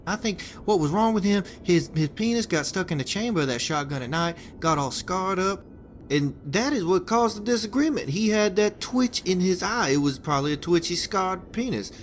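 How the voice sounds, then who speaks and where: A man's voice: high voice, expressive, moderate pace, slight background noise. A man playing a crude, rambling wasteland hitman boss. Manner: profane, rambling, stammering restarts. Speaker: game character giving a hitman job. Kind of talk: video game dialogue.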